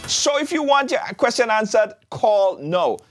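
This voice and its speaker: Animated male call-in show host. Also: sits high, measured pace, soft background music. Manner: animated, urging callers to phone in.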